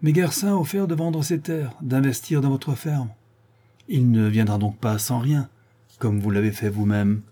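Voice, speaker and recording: A man voicing a stubborn, scornful old male farmer from the countryside in a read-aloud story, with gruff, mocking outbursts. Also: mid-range voice, moderate pace, mellow, lightly acted.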